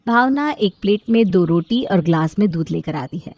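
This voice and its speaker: A woman narrating a scripted moral storybook in an even storytelling manner. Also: on the low side, normal speed, husky, dry recording.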